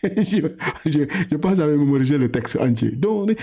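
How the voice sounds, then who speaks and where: In slow drills where he drags out syllables, a middle-aged non-native French speaker teaches Quran reading in a relaxed, talkative way, laughing a lot. His voice is a little high, sing-song, and warm.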